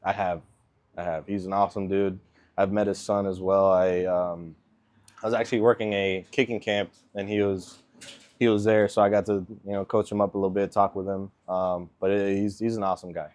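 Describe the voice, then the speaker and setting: A man in his twenties, born in Venezuela and raised in Miami, answering interview questions as an NFL kicker in a relaxed way, with lots of filler words. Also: low voice, a little fast. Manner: laid-back, lots of ums and likes.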